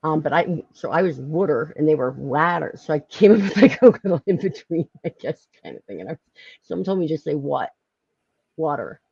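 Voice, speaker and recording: A woman's voice: sits low, quick pace, vocal fry, slightly rough, no room sound, muffled recording. Chatty woman with a Philly accent. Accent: Philadelphia. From Philadelphia. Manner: chatty, lively, laughs often, many fillers. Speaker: podcast host. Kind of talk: casual live-stream chat.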